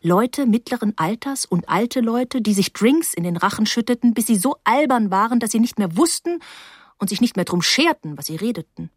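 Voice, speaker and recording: A woman narrating a first-person story in a measured, quietly dismayed way. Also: on the high side, lively intonation, slightly rough, dry recording, clean studio sound. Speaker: audiobook narrator.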